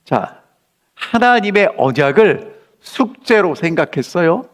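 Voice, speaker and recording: A male pastor preaching a sermon to his congregation. He keeps asking the people questions and acts out the lines he quotes. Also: high-pitched.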